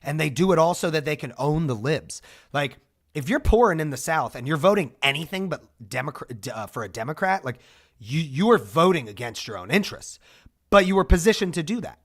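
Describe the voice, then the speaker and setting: A young man talking casually to his livestream chat, his pitch bouncing up and down as he goes. He is restless and jokey, and he swears when things go wrong. His voice sits a little on the high side for a man. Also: animated, fairly quick. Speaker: streamer.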